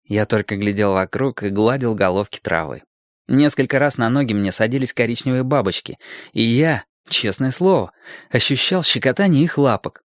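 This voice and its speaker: Man calmly narrating an audiobook. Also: medium pitch, moderate pace, dry recording, clean studio sound. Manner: calm, reflective storytelling.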